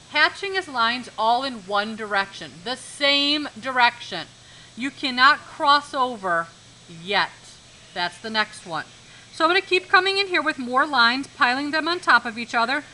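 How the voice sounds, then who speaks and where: Bright, high-voiced woman teaching art class. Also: animated, moderate pace, low-quality recording. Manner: instructive, repeats key points, checks understanding. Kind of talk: live classroom demonstration lesson.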